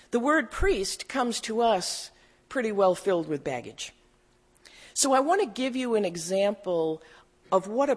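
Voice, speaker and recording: A middle-aged woman pastor giving a sermon, telling a personal story in a gently humorous, storytelling way. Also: medium pitch.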